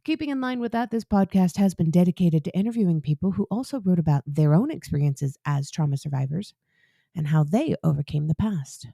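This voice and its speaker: This Southern US woman hosts a podcast interview as a relaxed, friendly chat, laughing often. She speaks fairly quickly in a low, dark, creaky voice with lively intonation, recorded close and dry with no room sound.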